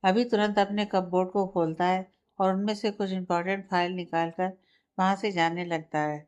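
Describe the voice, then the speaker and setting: Storyteller: woman, calm even narration of a romance serial. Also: fairly low pitch, normal speed.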